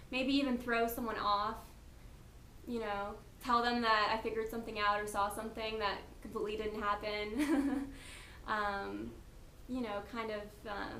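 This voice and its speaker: A woman's voice: a little high, a bit bright, echoey room, slight background noise. A woman in her twenties answering casting interview questions in a chatty, giggly, slightly nervous way. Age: 20s. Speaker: reality show applicant.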